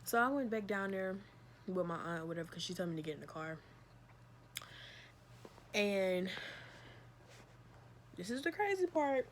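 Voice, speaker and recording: A woman's voice: medium pitch, very animated, moderate pace, pauses often, slight background noise. A young woman vlogger candidly retelling a personal story in a casual, emphatic way, with slang and swearing. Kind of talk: storytime vlog.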